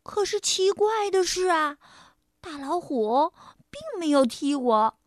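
A woman storyteller and radio host, reading a children's picture book in a playful, expressive first-person voice. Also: sits high, takes it slowly, dry recording, studio quality.

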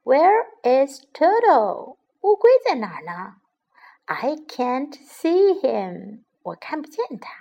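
A woman voicing a boastful male rabbit in a children's story, saying each line slowly in English and then again in Chinese. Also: high-pitched, sing-song, creaky, mellow, highs cut off, exaggerated voice. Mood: cocky.

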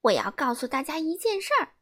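A woman voicing a mischievous young gossip in a children's storybook, calling out quickly and loudly. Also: sits high, big pitch swings, voice pushed up, exaggerated voice. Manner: fast, loud calling out.

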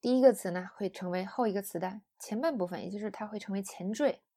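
A woman's voice: mid-range voice, fast, mellow. A woman teaching English pronunciation in an audio lesson, explaining patiently.

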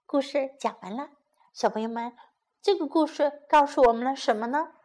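A woman teacher narrating a children's story and English lesson in a gentle, coaxing tone. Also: sits high, moderate pace.

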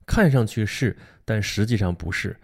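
Explaining a book in a casual spoken lecture, a man who speaks Mandarin Chinese natively asks the listener rhetorical questions in a chatty manner. His fairly low voice is expressive and creaky, delivered at normal speed.

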